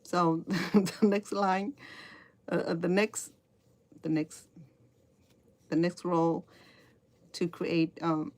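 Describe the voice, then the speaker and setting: A middle-aged Cambodian-accented woman from Cambodia teaches crochet on a live stream, chatting casually but hesitantly and repeating her words often. She speaks in a lowish, steady voice, drawing out her words and leaving long pauses.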